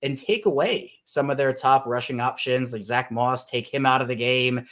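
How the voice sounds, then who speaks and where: Man, podcast host, casual sports chat, mid-pitched voice, restarts as he thinks. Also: normal speed, a bit bright. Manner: conversational, thinks aloud with restarts. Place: Baltimore.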